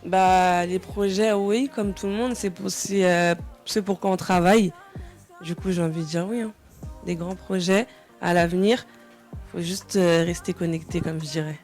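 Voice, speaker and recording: A woman's voice: lowish voice, fairly even intonation, moderate pace, darkish tone, soft background music. A young woman from France, a singer answering interview questions casually, hesitant with many fillers and restarts.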